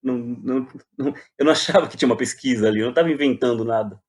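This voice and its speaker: The guest, a Brazilian playwright and poet, speaks rapid-fire in a mid-range voice. His talk is relaxed and thoughtful, with repeated words as he gropes for phrasing.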